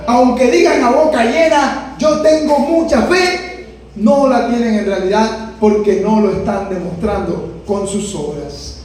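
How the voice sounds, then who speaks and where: A male pastor preaching a sermon, acting out quoted voices with sudden shouts. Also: high-pitched. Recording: echoey room, distant mic, faint noise.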